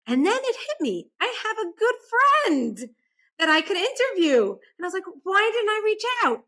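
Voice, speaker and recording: A woman hosting a podcast, chatting casually and warmly with a friend she is interviewing, bubbly and animated. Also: extremely high pitch, moderate pace. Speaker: podcast host.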